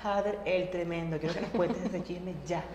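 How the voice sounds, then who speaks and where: A woman's voice: lowish voice, steady tone, moderate pace, a little mellow, roomy sound, in a large hall, highs cut off, a little hiss or hum. A young woman hosting a talk show interview, asking questions and giving short prompts. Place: TV studio set.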